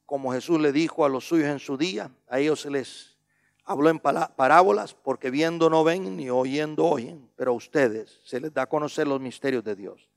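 A male preacher giving a sermon, who keeps asking "¿ve?", slows down on key words and swings between loud emphatic lines and quiet low asides. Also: creaky. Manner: repeats a questioning "¿ve?" between points.

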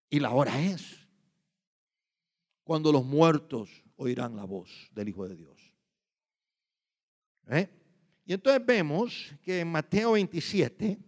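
Emphatic preacher man in a reverberant hall. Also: on the high side. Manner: repeats himself, asks listeners "¿ve?" often; emphatic, shifts between loud and quiet. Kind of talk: sermon.

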